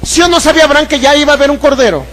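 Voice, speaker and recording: A man's voice: very high voice, racing, fairly bright tone, poor audio. A man with a Mexican Spanish accent preaching a sermon, putting questions to the congregation and acting out Bible scenes. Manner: acts out voices from the Bible story. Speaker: pastor.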